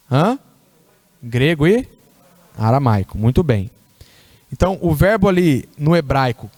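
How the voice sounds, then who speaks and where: A man's voice: mid-range voice, dark tone, no room sound. A man giving a sermon in a church, teaching and often checking that the congregation follows. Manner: teacherly, asks the congregation questions. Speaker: preacher.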